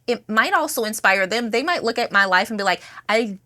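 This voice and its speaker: Woman, middle-aged, bright clear tone, chatty interview guest, keeps asking "right?". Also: fairly high pitch, fairly quick. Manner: animated, tags statements with "right?". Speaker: podcast guest. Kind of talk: conversational interview.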